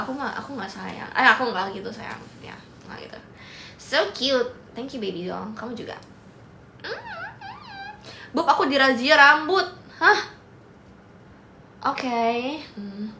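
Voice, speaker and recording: Young girl on a phone live stream, teasing and bubbly, a bit high, roomy echo. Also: lively intonation, unhurried, gravelly, long pauses, bright, forceful tone. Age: young adult. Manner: playful, teasing, mixes in English. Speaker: livestream host. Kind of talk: casual live chat reading comments. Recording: echoey room with faint noise.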